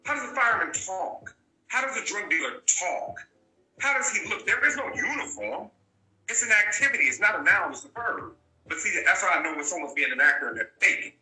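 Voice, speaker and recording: Male guest, bright forceful voice, blunt and emphatic, roomy echo. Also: sits high, lively intonation, fairly quick. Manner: blunt, emphatic, repeats key points. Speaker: interview guest. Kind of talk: candid storytelling.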